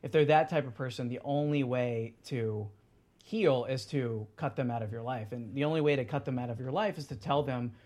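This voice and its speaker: This thirtysomething podcast guest has a medium-pitched, slightly mellow voice and talks a little fast. He chats casually and meanders, often restarting and leaning on filler words.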